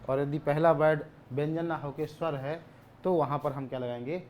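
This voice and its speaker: A man's voice: a little high, steady tone, moderate pace, a little mellow, a little hiss or hum. Man teaching grammar, repeating key points. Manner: repeats key words, asks and answers own questions; clears throat often. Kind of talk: grammar lesson.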